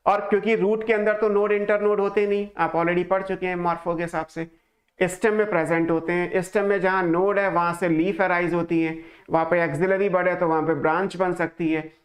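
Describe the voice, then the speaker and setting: A male teacher giving an online class lecture, explaining step by step, asking questions and answering them himself, mixing English phrases into his speech. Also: high-pitched. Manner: mixes English phrases into Hindi.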